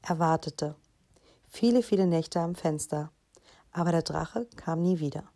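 A woman reading a children's story aloud in a soft, unhurried way. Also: low-pitched.

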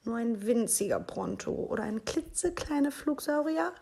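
A woman's voice: a little high, big pitch swings, normal speed, creaky, darkish tone, slight background noise, voice pushed up. A woman voicing a pleading little boy dinosaur. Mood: begging. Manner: whiny, begging, pleading. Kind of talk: children's storybook reading.

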